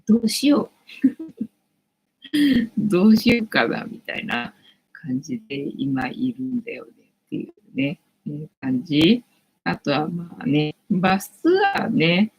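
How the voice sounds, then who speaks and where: A woman's voice: deep voice, animated, measured pace, low-quality recording. A woman in her late forties hosting a casual livestream from home, rambling chattily with lots of fillers. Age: late 40s. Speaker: livestream host.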